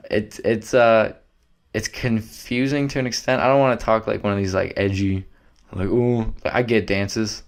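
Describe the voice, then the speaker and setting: A man's voice: lowish voice, flat delivery, moderate pace. A young man, hosting a solo podcast in a loose, rambling, profane way. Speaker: podcast host.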